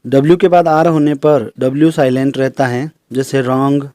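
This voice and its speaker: A man teaching English pronunciation in a recorded lesson, explaining slowly and listing example words one by one. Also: medium pitch, fairly even intonation, warm tone, no echo. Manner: explains slowly, repeats terms in Hindi and English.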